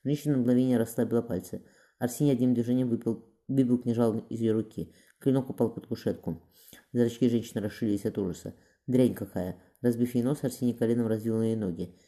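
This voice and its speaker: Fast, dark-voiced male audiobook narrator. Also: medium pitch. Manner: steady, quick reading with small slips and self-corrections. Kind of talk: scripted narration of a historical novel.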